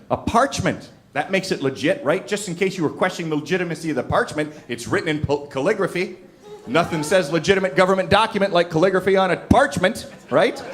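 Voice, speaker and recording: A man's voice: high-pitched, a bit bright. A man doing a stand-up comedy set on a club stage, brash and teasing the crowd. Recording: live club, crowd laughter. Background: audience laughing.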